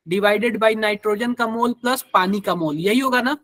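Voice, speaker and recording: A man's voice: high-pitched, moderate pace, a bit bright, dry recording. A man with a Hindi accent teaching a live online chemistry class, quizzing students and using everyday examples.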